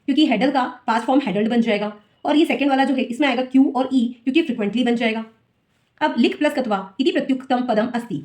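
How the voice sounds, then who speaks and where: A woman's voice: sits high, a little mellow. A woman teacher who reads each exam question aloud and then explains the answer step by step for students. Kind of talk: solving an exam paper for students.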